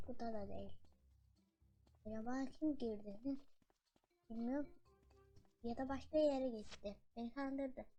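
A woman's voice: on the high side, dark tone, highs cut off. A woman hosting a gaming channel, chatting casually to viewers and her in-game pet as she plays. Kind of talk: casual gameplay commentary.

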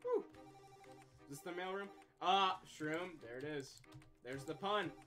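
A let's play streamer commenting on a game in an animated, joking, swearing way. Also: medium pitch, unhurried, faint music behind. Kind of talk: gameplay commentary.

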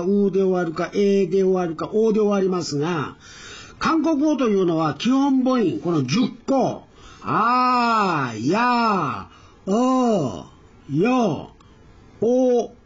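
Guy teaching korean sounds, high lively voice, kinda husky, muffled recording. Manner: slow, drawn-out demonstration of vowel sounds. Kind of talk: recorded language lesson. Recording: dull lo-fi recording.

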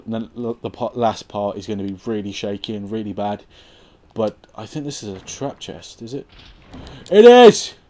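A young man giving casual let's-play commentary on his game, sarcastic and swearing, with sudden loud outbursts at the game. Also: fairly low pitch. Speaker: gameplay commentator.

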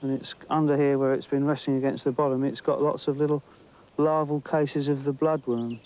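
In a low-quality recording, a middle-aged angler with an English accent offers on-location nature commentary while fishing and wandering a lake bank outdoors. He speaks a little fast in a mid-range, slightly mellow voice with flat delivery. He's chatty and enthusiastic to camera, thinking aloud with small restarts.

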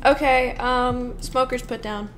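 A woman's voice: fairly high pitch, steady tone, measured pace, a bit bright, slight background noise. A woman streaming a video game, chatting casually with a friend and joking around with silly wordplay. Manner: playful, giggly, silly wordplay. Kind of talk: casual gaming chat.

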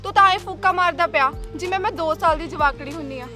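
A woman's voice: extremely high pitch, quick pace, over music. A young woman playing a bold, defiant biker girl who teases and talks tough. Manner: brash, teasing, sharp-tongued. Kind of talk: Punjabi short film acting.

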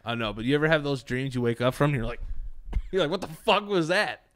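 A man's voice: on the high side, animated, brisk, fairly bright tone. A young man with a New York accent co-hosting a podcast, joking crudely in casual chat. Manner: crude, joking, laid-back. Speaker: podcast co-host. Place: living room, indoors. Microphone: studio mic on desk stand, headphones.

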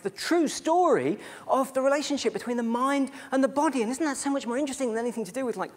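British man, rapid delivery, chatty lecture, sarcastic asides, lots of ums. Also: sits high. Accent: British English. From Britain. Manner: fast, chatty, sarcastic asides, many fillers. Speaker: physician giving a conference talk. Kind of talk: lively conference talk. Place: conference stage before an audience.

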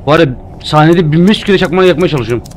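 A man's voice: a little high, fast talker, a little hiss or hum. A man doing live commentary while playing a horror game, jumpy and joking, cursing at the game. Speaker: streamer.

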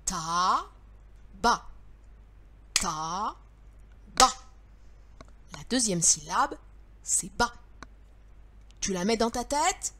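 Slow, lively-voiced French woman teacher. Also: a little high, slight background noise. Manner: patient, sing-song, syllables drawn out. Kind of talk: slow, clear lesson for young children.

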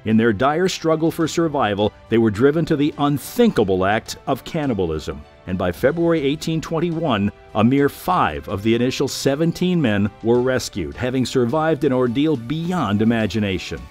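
Animated male nature documentary narrator over music. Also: mid-range voice, moderate pace. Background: background music.

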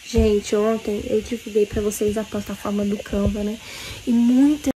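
A woman's voice: medium pitch, steady tone, normal speed, mellow, rough recording. A Brazilian woman in her twenties chatting casually to followers, her voice cracked from the flu, recorded on a phone indoors. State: ill with flu. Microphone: phone at arm's length. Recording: faint background noise, phone recording.

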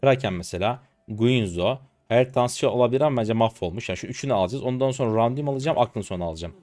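Fast-talking hoarse young man gaming. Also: mid-range voice, a little mellow, no echo, studio quality, faint music behind. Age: 20s. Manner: rapid slangy chatter to viewers. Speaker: gaming streamer. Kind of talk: live gameplay commentary.

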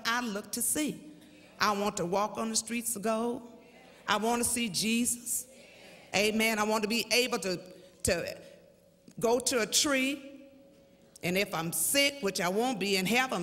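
A woman evangelist preaching a sermon in a church, slow and emphatic, rising to fervent exclamations. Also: medium pitch, fairly bright tone. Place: large church sanctuary. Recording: long church hall reverb.

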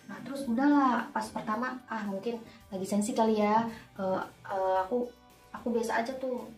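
A young woman, telling an animated storytime while doing her makeup, recorded in a roomy indoor space from a distance with faint music. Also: a little high, normal speed. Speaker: nurse vlogger.

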